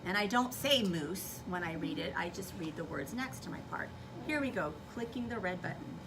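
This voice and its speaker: A woman teacher demonstrates something to children in a classroom, thinking aloud step by step. Her lowish voice is animated and moderately paced, with music in the background. A distant microphone picks up the noisy room and children's voices.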